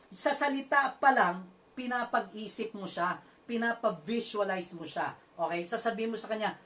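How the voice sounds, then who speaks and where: A woman with a Filipino accent giving an emphatic motivational training talk to networkers, often checking in with quick tag questions. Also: medium pitch, a bit bright, poor audio. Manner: emphatic, keeps asking "okay?" and "no?".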